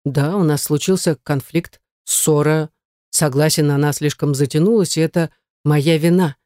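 Brief: cold commanding husband, firm clipped orders, dry close read, voiced by a reader. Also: male voice, fairly high pitch, fairly even intonation, moderate pace, mellow, dry recording, natural voice. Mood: coaxing.

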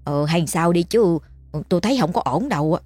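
A woman's voice: lowish voice, animated, a little fast, darkish tone, breathy edge, dry recording, soft background music. A woman voicing a gossipy village neighbor. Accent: Southern Vietnamese. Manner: chatty, confiding, gossiping.

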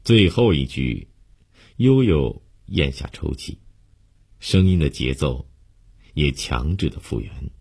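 Deep gravelly male storyteller. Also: sing-song, slow pace, pauses often, darkish tone. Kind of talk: storytelling narration.

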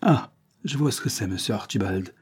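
A man's voice: on the low side, moderate pace, mellow, breathy edge. A man voicing a timid, fussy old clerk who talks in apologetic, roundabout circles in a storybook reading. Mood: hesitant.

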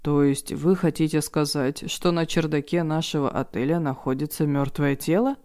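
A woman's voice: sits low, steady tone, moderate pace, dark tone, clean tone, close to an everyday voice. A woman voicing a flustered male senior hotel administrator with a velvety, soothing voice. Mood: uneasy. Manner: velvety, soothing voice turning uneasy.

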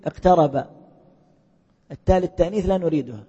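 Husky male teacher in echoey hall. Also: a little high, fast talker, warm tone. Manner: quizzes students and repeats their answers. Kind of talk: classroom lesson with questions to students. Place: lecture hall. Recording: echoey hall, muffled lo-fi sound.

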